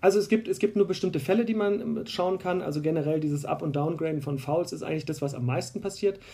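A man from Berlin talks through refereeing rules in a relaxed conversation. His voice is gravelly and dark and sits a little high for a man. He circles back with fillers and restarts as he explains. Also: fast. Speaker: basketball referee, guest. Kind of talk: casual conversation.

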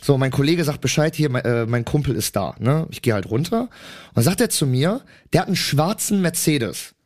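A man's voice: medium pitch, fairly quick. A man in his twenties co-hosting a podcast who tells an anecdote with lots of fillers. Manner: rambling, many fillers, animated anecdote. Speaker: podcast co-host. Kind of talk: casual chat storytelling.

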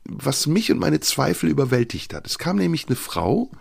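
Gravelly man telling a personal story. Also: on the high side, big pitch swings, no room sound, clean studio sound. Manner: reflective, with pauses and fillers.

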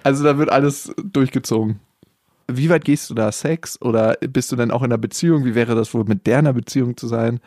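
A man in his thirties on a casual podcast, his voice in an ordinary middle register. He asks the questions with a teasing, playful streak and slips into quick jokes. The recording is close and dry. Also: medium pitch, a little mellow, dry recording. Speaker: podcast co-host asking the questions.

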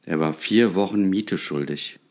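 A man reading a story aloud with expressive, theatrical delivery. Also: low-pitched, unhurried. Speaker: narrator.

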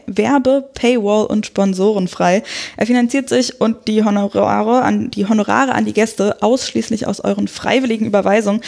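A Berlin woman hosts a football podcast, talking in a chatty, loose way full of fillers and self-corrections. Her voice is on the high side, creaky, with a darkish tone.

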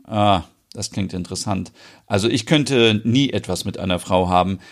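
Grumbly teasing guy in his 30s, a man voicing him, lowish voice, audio soap. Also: moderate pace, close to an everyday voice. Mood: chatty. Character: 32-year-old man, grumbly, teasing, fond of bearded men.

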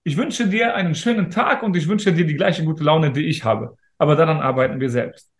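A man's voice: fairly high pitch, fairly quick. A man in his thirties, an interview guest talking in a casual, emphatic and motivational way. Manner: emphatic, motivational, talks straight to listeners. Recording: roomy echo.

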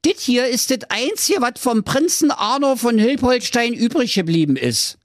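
A man voicing a cheeky, put-upon royal valet with a strong Berlin accent, talking high and snippy in a comic reading. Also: lively intonation, moderate pace, no echo, studio quality. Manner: snippy and exasperated, pitched high. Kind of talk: comic fairy-tale reading.

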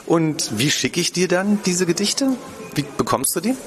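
A man's voice: high voice, animated, moderate pace, a bit bright. A man talking casually as an interviewer and co-host.

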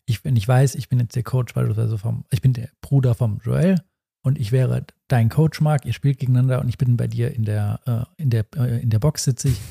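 A man's voice: medium pitch, steady tone, fairly quick, gravelly, dark tone, breathy edge, no echo, clean studio sound. A man co-hosting a casual podcast chat, giving opinions and thinking aloud with many fillers. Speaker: podcast co-host.

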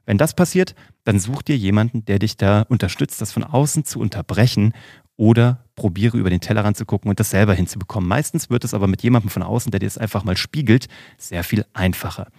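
Low-voiced man hosting a motivational podcast. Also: quick pace, vocal fry, dark tone, no room sound, studio quality. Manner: informal direct address to the listener. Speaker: podcast host and coach.

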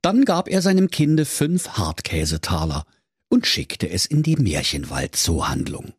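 A man's voice: on the low side, wildly swooping pitch, a little slow, breathy edge, no echo, clean studio sound. Mock-solemn male fairy-tale narrator. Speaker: storyteller.

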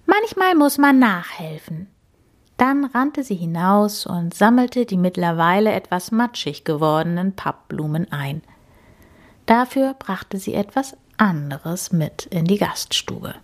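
Woman reading aloud slowly, lilting. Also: fairly low pitch. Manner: gentle and unhurried, with lively inflection. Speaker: children's story reader. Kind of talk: reading a children's story aloud.

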